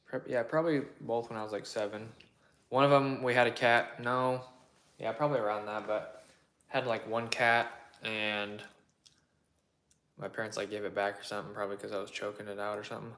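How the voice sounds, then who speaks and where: A young man hosting a casual question-and-answer chat from his home kitchen, relaxed and rambling with lots of fillers and hedges. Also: lowish voice, a little fast. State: voice partly worn from shouting days before. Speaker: channel host answering viewer questions.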